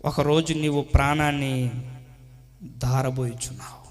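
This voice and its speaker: A man preaching a sermon with passion, swinging between hushed words and loud exclamations. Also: medium pitch, fairly even intonation, measured pace. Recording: echoey hall reverb.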